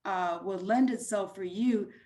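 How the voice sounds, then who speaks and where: A woman's voice: medium pitch, measured pace, a little mellow. Easygoing woman voice-over teacher chatting. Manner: easygoing, loose trailing phrases. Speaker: voice-over artist and teacher, guest. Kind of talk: casual interview chat.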